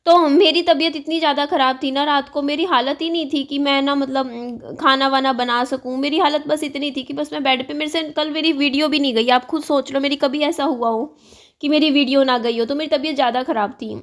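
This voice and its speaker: A woman in her thirties chatting casually to her viewers, low-spirited and confiding, her throat sore and strained so she keeps clearing it. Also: steady tone, fairly quick. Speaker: vlogger. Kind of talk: casual chat to camera.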